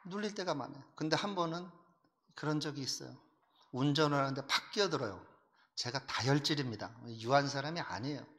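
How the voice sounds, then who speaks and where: A middle-aged male pastor preaching a sermon in a blunt, rough-spoken way, shifting between loud exhortation and quiet, confiding asides. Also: fairly high pitch, a little fast. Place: church sanctuary. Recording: long hall reverb.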